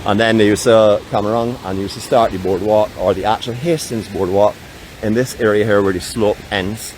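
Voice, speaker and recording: On a live walking-tour vlog, a Barbadian man strolls beside a beach boardwalk outdoors, phone in hand, joking about himself as he chats. His voice sits on the low side, steady and a little mellow, at a normal speed. Street noise carries behind him.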